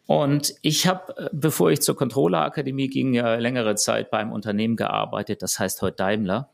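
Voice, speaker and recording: A man co-hosting a podcast, talking in a relaxed conversational way and telling anecdotes full of rhetorical questions. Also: medium pitch, normal speed, gravelly. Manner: animated, storytelling with rhetorical questions. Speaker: podcast co-host.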